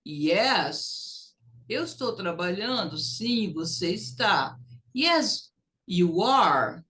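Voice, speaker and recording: A woman's voice: mid-range voice, very animated, extremely slow, fairly bright tone. A woman English teacher, leading a recorded lesson and drawing out phrases for students to repeat.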